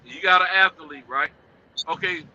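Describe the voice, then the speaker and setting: A man's voice: sits high, normal speed, pushed and bright. Man on a call breaking up. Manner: rambling with restarts and fillers. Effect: call audio breaking up, cutting in and out. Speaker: remote panelist on a talk show. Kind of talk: casual sports debate. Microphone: remote call connection. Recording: muffled call line with faint hiss.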